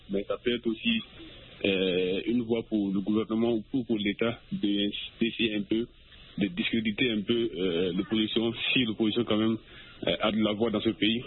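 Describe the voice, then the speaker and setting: A man from Mali calling in to a radio show, heard over a phone line, hesitant with many pauses and fillers. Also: on the low side. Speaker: caller. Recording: muffled husky phone line.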